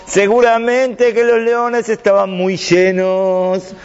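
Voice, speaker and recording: A man's voice: sits high, level tone, slow pace, smooth, faint music behind. Man voicing envious scheming ministers, echoing hall. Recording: dull sound with long hall reverb.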